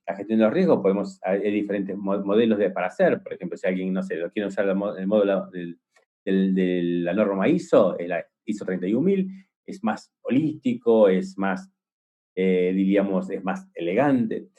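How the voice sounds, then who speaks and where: Guy giving a cybersecurity talk, warm mellow voice, lots of restarts and "eh"s, clearly loves the stuff. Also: low voice, moderate pace, dull audio. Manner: rambling with frequent restarts and fillers; enthusiastic, explains with vivid everyday examples. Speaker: conference speaker on cybersecurity. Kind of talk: technical conference talk.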